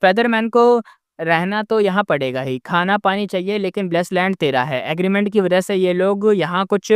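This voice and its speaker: Male narrator reading a smug, gloating schemer, slightly high, smooth voice. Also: normal speed, no room sound, clean studio sound, natural voice. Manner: gloating, mocking laughter. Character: cunning scheming man, smug and shameless.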